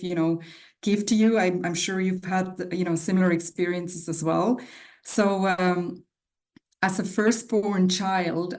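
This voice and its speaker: A woman's voice: fairly low pitch, darkish tone. A woman raised in Switzerland, a podcast guest, speaking in a reflective, casual way with many fillers. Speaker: guest, non-profit CEO. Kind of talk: casual interview talk.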